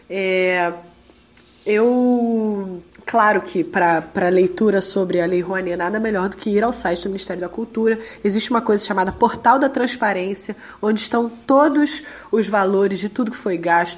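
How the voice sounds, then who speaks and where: A woman with a Brazilian accent talks conversationally as an interview guest. Her medium-pitched voice is hoarse and a little duck-like while she recovers from laryngitis. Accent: Brazilian Portuguese. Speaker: interviewee, independent musician.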